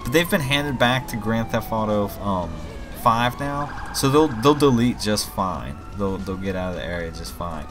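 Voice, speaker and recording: A lowish-voiced man sounds animated as he demonstrates his own game mod, speaking at a moderate pace with few pauses in a casual, rambling walkthrough. Game music, vehicles and police sirens can be heard behind him.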